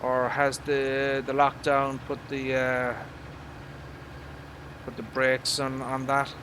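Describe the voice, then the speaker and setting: Speaking slowly in a completely flat, medium-pitched voice over a noisy background, a middle-aged Irish man streams a game live. He chats casually with his viewers as he plays, rambling with plenty of fillers and a bit of mild swearing.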